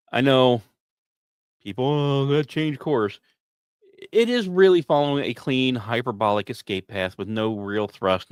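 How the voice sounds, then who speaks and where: A man with a fairly low voice, recorded dry, hosts a science podcast. His semi-scripted commentary carries wry asides and an occasional stumbled or repeated word.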